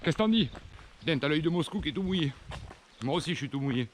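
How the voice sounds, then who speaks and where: Outdoors at a house, a Frenchman removes wasp and hornet nests while keeping up a casual, joking running commentary, addressing both the insects and the camera. He talks fast and expressively in a voice on the high side. A little hiss or hum is audible.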